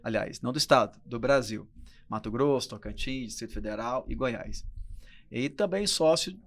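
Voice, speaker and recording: A Brazilian man in his early forties, medium-pitched and speaking at normal speed, chats casually as a guest entrepreneur on a podcast. It's relaxed, conversational interview talk.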